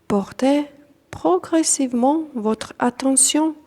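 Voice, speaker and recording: A high-pitched female instructor leads yoga nidra in French, which she speaks with a non-native accent. Calm and deliberate, she delivers short phrases and lets long pauses hang between them.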